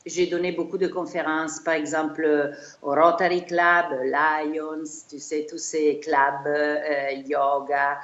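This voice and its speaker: A low-voiced, middle-aged woman with an Italian accent talks as an interview guest, searching for words with fillers and restarts. The recording is echoey and a little muffled, as if captured in a bare room. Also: level tone, slow, a bit bright. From Italy. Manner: hesitant, many fillers and restarts. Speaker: chiropractor guest. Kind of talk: casual interview.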